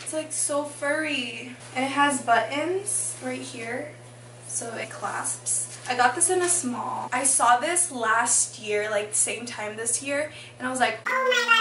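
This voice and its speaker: A young woman vlogger chatting in a bubbly, gushing way as she unboxes a clothing haul. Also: fairly high pitch. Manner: bubbly, gushing, giggly asides. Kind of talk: casual haul chat. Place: bedroom with a fan running. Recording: echoey room, mic a bit far, fan hum.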